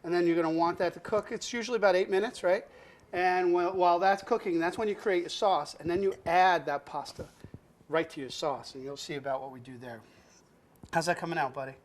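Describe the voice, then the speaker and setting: A man with a high voice hosts a cooking show, briskly teaching a child to cook. He jokes playfully, laughs often, and calls the kid "buddy" in their banter.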